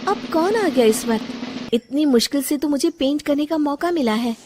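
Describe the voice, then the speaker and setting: A woman's voice: high voice, lively intonation, moderate pace, over music. A woman voicing a resentful young daughter-in-law. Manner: sharp, resentful retorts.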